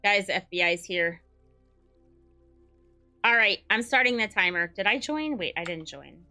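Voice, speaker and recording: A man streaming a game through a voice changer that makes him sound like a woman, excitable and swearing as he plays. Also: high-pitched, normal speed, faint music behind, pitched above the performer's own voice, heavily acted. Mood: playful. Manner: excitable, swears often, talks to himself while playing. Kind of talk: casual live-stream chatter.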